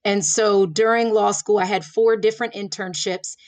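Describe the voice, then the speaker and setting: A woman in her forties, originally from Florida, answers podcast questions in a measured, earnest tone, leaning on fillers as she thinks. Her voice sits in a middle range, and the recording is dry and close with no room sound. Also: mid-range voice, steady tone, dry recording. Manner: measured, earnest, many "you know" and "um" fillers. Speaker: judicial candidate, former prosecutor.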